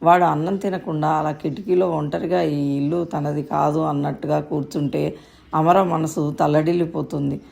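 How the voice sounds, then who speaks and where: Low gravelly woman storyteller. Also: flat delivery, normal speed, darkish tone. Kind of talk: scripted narration.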